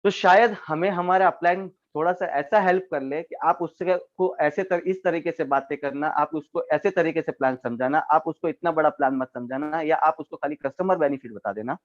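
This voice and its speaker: A man's voice: fairly high pitch, normal speed, dull audio. A man giving an online sales training talk, explaining step by step and often addressing his listeners as friends. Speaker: network marketing trainer.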